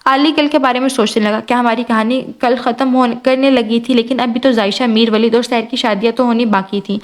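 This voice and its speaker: A woman narrates an audio novel. Her reading is steady and even. Her voice sits fairly high.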